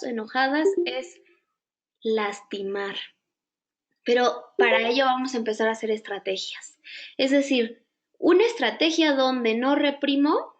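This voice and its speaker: A Mexican woman with a slightly high voice teaches a live online psychology class. She talks conversationally and keeps asking her audience questions. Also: lo-fi sound. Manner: conversational, asks the audience many rhetorical questions. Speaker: psychology instructor.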